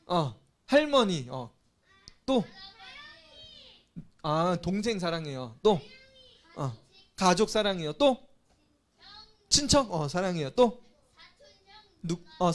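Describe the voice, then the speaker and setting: A male pastor giving a children's sermon, calling out questions to the children and repeating their answers back to them. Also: high voice. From Korea.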